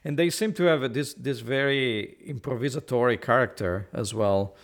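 A man's voice: mid-range voice, moderate pace. A man interviewing in a conversational way, thinking aloud and rephrasing as he goes.

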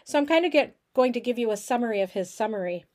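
A woman's voice: on the high side, lively intonation, fast, a little mellow. A woman instructor giving a casual, chatty recorded lecture to her course, with frequent fillers. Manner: chatty, many fillers and restarts. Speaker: college instructor.

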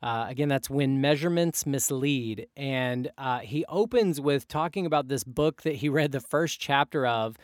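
A young man co-hosting a casual podcast, talking in a relaxed, rambling way with plenty of fillers and restarts. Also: mid-range voice, moderate pace, few pauses, no echo, clean studio sound. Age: young adult. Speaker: podcast co-host.

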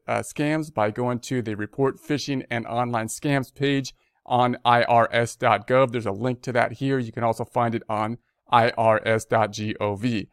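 Man with a smooth, dry voice. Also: medium pitch, dry recording. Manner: reads text, then adds plain explanations with fillers and restarts. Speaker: presenter reading and explaining a news release. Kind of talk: reading aloud with casual commentary.

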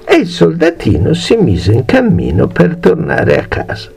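Gravelly slow male storyteller. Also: fairly high pitch, soft background music. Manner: sing-song, lively storytelling. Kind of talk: fairy tale reading for children.

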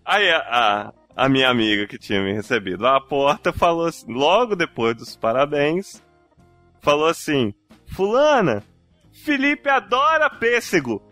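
A man's voice: medium pitch, normal speed, dry recording, faint music behind. A young Brazilian man in his twenties with a Brazilian Portuguese accent, telling a funny story in casual chat and acting out the voices of the people in it. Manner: animated, acts out voices in his stories.

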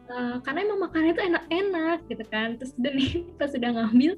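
A young woman from Riau tells travel stories in a relaxed chat. Her voice sits high and she talks in a lively, animated way, acting out the lines of people in her story. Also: fast talker, faint music behind. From Riau, Indonesia. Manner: lively, animated, acts out quotes. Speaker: guest.

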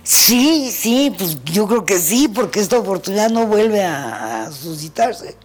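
Unhurried and slightly breathy, a woman from Mexico with a mid-range voice shares stories as a pianist guest in an interview. She brings her anecdotes to life by performing the characters' voices.

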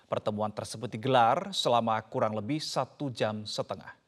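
A man's voice: medium pitch, normal speed, big-room sound. A man delivering a scripted news report in a formal, emphatic way. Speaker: field reporter.

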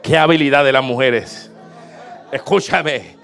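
A man pastor preaching a sermon, telling a homey story and building up to fervent shouting. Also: medium pitch, unhurried, vocal fry, soft background music. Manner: animated storytelling, rising to shouts.

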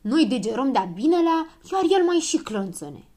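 A woman's voice: mid-range voice, lively intonation. Woman voicing a grumbling little dwarf. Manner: grumbling, suspicious, sharp.

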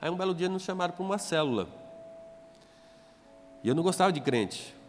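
A man, a pastor telling his conversion story in a sermon and acting out the dialogue. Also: fairly high pitch. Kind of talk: testimony sermon. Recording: reverberant hall with soft music.

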